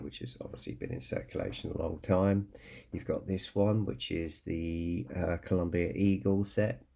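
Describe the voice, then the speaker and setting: A British man with a croaky, congested voice, sounding under the weather as he gives a halting, casual unboxing review. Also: low-pitched, dark tone. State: ill with a cold or hay fever, coughing. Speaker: scale model kit reviewer.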